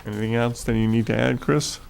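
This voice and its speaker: A man chairing a public board meeting who reads agenda items aloud in a formal, halting way with frequent fillers. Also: medium pitch, steady tone, vocal fry, darkish tone, a little hiss or hum. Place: meeting room.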